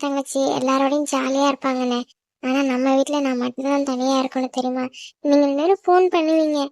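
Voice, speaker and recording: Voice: high voice, a little mellow, no echo, clean studio sound. Someone voicing a whiny little sibling. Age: child figure. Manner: pleading, whiny sibling talk. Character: youngest child sibling, clingy and sensitive. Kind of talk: cartoon voice acting.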